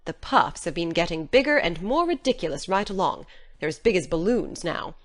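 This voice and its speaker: Woman playing a stern, low-voiced older countrywoman. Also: big pitch swings. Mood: disapproving, stiff. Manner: stiff, brisk, scolding. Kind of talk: dramatized audiobook acting.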